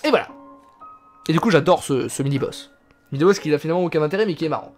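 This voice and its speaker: A man's voice: on the high side, rapid-fire, soft background music. A man streaming a video game, joking casually with his chat and reading it aloud. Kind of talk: casual gameplay commentary.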